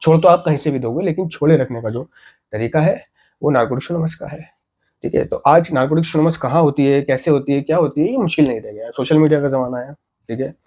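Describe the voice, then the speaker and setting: A man's voice: fairly high pitch, fast, mellow, husky. A man giving an earnest, motivational talk about staying off drugs, repeating key points and asking rhetorical questions. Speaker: addiction recovery speaker.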